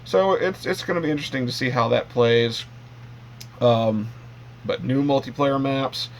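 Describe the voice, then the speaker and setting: A man talks through his thoughts in a relaxed vlog. He rambles, often restarting sentences and filling gaps with "um." His pitch sits mid-range, and a faint hum runs under the recording. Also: moderate pace. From Canada. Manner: rambling, with many ums and restarts. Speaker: vlogger. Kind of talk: casual monologue.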